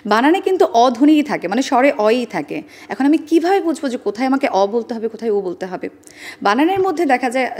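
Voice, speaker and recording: A woman's voice: a little high, a little mellow. Precise, careful-spoken woman explaining pronunciation. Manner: careful, precise standard pronunciation, demonstrating sounds. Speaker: interview guest on speech and pronunciation. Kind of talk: explanatory interview answers.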